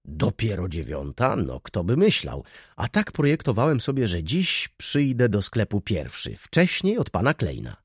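A man voicing a young, dandyish male shop clerk who talks in quick, fawning sales patter. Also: lowish voice, huge pitch swings, slightly rough, dry recording, clean studio sound, exaggerated voice. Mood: excited excuses. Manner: rapid, ingratiating patter.

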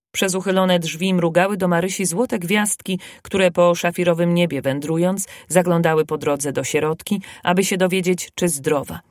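A woman narrating a storybook in an expressive, melodic way. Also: fairly low pitch, no echo, clean studio sound. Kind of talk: storybook reading.

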